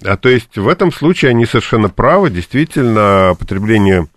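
A man speaks as an expert guest in a radio studio, explaining steadily and pausing on fillers. His voice sits on the low side. The sound is dry and close. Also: big pitch swings, dry recording. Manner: measured, explanatory, many fillers. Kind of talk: radio discussion.

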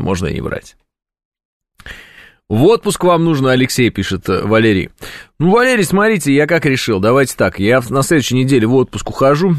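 Male talk host, wide-ranging lively pitch, dry close sound, sarcastic banter. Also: no echo. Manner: ironic, mock-indignant, mimics callers in silly voices. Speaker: radio show host reading listener messages. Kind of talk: casual talk show banter.

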